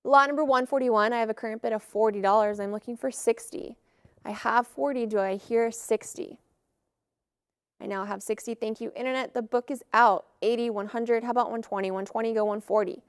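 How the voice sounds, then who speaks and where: A woman auctioneer calling bids in a live auction with brisk, formulaic patter. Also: on the high side, steady tone, smooth, dry recording, clean studio sound.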